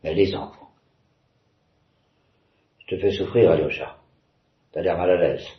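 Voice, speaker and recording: A man's voice: sits low, unhurried. A man reading a novel aloud, voicing a bitter, tormented young man who swings from wry irony to anguished outbursts. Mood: grim, bitter. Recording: roomy, slightly dull.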